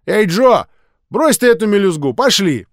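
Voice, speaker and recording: A man's voice: sits high, big pitch swings, moderate pace, dry recording, studio quality, voice pushed up. A man voicing a scornful twelve-year-old boy who mocks the younger children's game, in a storybook reading. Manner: mocking, impatient.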